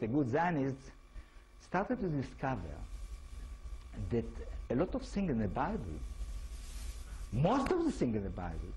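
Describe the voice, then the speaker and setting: A man's voice: medium pitch, warm tone, slight background noise, rough recording. A man from Israel, speaking English with an Israeli accent, gives an informal lecture as an author and keeps asking his audience rhetorical questions. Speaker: author giving a talk.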